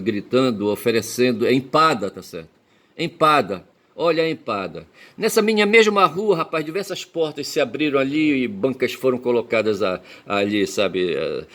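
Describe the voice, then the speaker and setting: Rambling, swearing man. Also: medium pitch. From Belém, Pará, Brazil. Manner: peppers speech with tag questions; profane, emphatic outbursts. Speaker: commentator. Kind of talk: rambling personal monologue.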